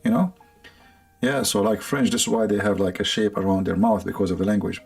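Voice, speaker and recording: A low, gravelly voiced man with an Arabic accent hosts a casual stream, rambling and sarcastic, breaking into laughs. Faint music plays behind him. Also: a little fast. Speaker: livestream host. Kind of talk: casual joking monologue.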